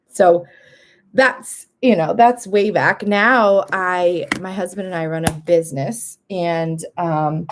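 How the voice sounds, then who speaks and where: A candid, casual vlog features a woman in her thirties with a fairly low voice, recorded with a little hiss or hum. She is talkative, laughs often, and voices other people's words in a lifted tone.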